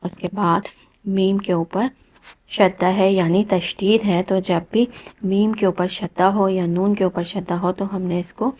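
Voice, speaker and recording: A woman's voice: mid-range voice, steady tone, darkish tone. A woman teaching Quran recitation rules, explaining each rule patiently and methodically and repeating it step by step. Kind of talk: step-by-step tajweed lesson.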